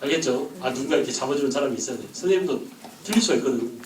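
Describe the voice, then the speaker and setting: A man teaching a history class, firing quick questions at the students and joking with them. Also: medium pitch, echoey room, distant mic, background noise. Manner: quizzes the class with quick questions, jokes and laughs. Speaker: history lecturer.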